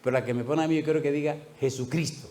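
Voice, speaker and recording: A male pastor preaching a sermon, telling a story with lively laughter and acted-out voices. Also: fairly high pitch, rapid-fire. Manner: animated, laughing, acting out quoted voices.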